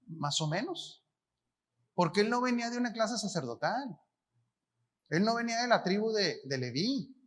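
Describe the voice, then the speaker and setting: At a conference, a male apostle with a Mexican Spanish accent delivers his sermon in a high, expressive voice at normal speed, pausing often. His talk is colloquial, built on questions he poses to the crowd and then answers himself.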